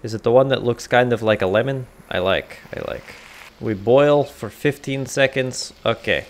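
Over a little hiss or hum, a man with a mid-range voice speaks at normal speed while playing a cooking game. His casual, rambling narration comes in an exaggerated comic Russian accent, with missing articles and jokes muttered to himself as he cooks.

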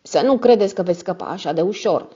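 Old male professor read by a woman: irascible, hostile, harsh, low-pitched. Muffled, lo-fi audiobook. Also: animated, mellow, slightly rough. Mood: furious. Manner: harsh, raised voice.

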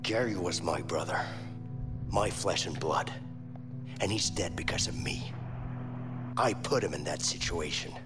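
An actor playing a grieving, determined undercover detective in a video game, speaking earnestly and steadily. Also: male voice, sits low, unhurried, pauses often, music in the background. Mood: grim. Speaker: game character.

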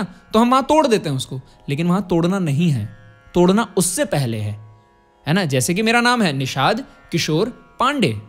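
High, lively male music teacher. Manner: explains patiently, breaks into sung demonstrations; asks rhetorical questions to the student. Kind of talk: classical music lesson.

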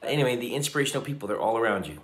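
A man's voice: mid-range voice, big pitch swings, rapid-fire, echoey room. Tired fifty-something man vlogging from a hotel room. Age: 50s. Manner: reflective, earnest, with frequent restarts. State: tired at the end of a long day. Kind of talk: casual vlog talk to camera. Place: hotel room at night, indoors. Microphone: camera on a table at arm's length.

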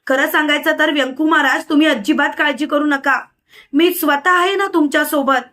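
A woman's voice: high-pitched, fairly even intonation, moderate pace, sharp tone. A woman voicing an eager, boastful older village man in a retold story. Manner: reassuring, eager.

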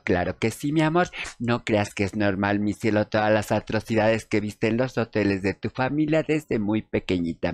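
A man's voice: no room sound, lightly acted. A man playing a catty diva gossip hostess. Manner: sassy and catty, calls everyone "mi cielo" nonstop, swings into shrill shouts. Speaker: gossip news presenter. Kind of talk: comedic gossip-show monologue.

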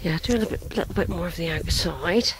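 Filming a country church from outside and then indoors, a West Country Englishwoman keeps up a chatty commentary, muttering to herself and letting sentences fade. She talks fast in a fairly low voice over a noisy background, recorded on a handheld camera mic.

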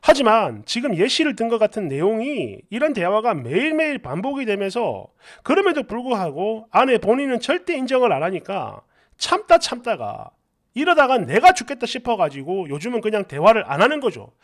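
A woman's voice: on the high side, sing-song, fairly quick. A woman narrating a reader-submitted story in a chatty, storytelling manner.

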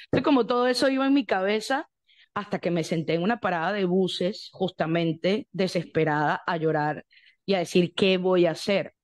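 A young Venezuelan woman, a guest in an interview, telling her story in lively detail, acting out quotes and breaking into song. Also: on the low side, normal speed. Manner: animated storyteller, acts out quotes, bursts into song.

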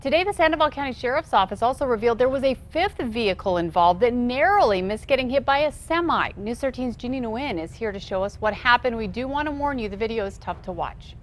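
A woman's voice: fairly high pitch, animated, quick pace, few pauses. A middle-aged woman reading scripted news as an anchor in a TV studio.

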